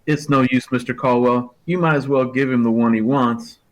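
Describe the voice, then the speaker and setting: A man's voice: medium pitch, fairly even intonation, normal speed, close to an everyday voice. A man acting a mild, folksy small-store owner and henpecked father in a radio play. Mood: resigned.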